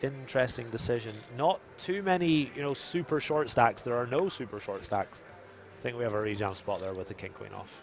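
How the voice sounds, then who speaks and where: A man's voice: mid-range voice, fairly quick, a little hiss or hum. Chatty man calling live poker. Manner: jokey, analytical, chats with viewers. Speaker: poker commentator. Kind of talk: live poker stream commentary.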